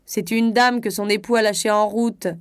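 A woman's voice: medium pitch, flat delivery, normal speed, smooth, no echo, studio quality, close to an everyday voice. A woman doing a jeering omnibus conductor. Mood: mocking. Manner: jeering, rude. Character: coarse mocking male omnibus conductor.

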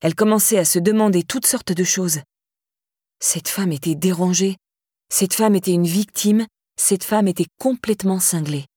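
A woman reads a thriller aloud in a steady, measured way. Her voice sits slightly low, and the recording is close and dry. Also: breathy edge, dry recording. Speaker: audiobook narrator. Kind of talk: scripted narration.

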